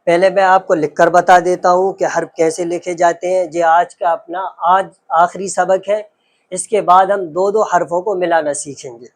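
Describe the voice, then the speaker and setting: A man's voice: high voice, fairly even intonation, unhurried. A man teaching a patient lesson, sounding out letters one by one and explaining with rhetorical questions. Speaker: Urdu teacher. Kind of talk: slow, patient classroom lesson.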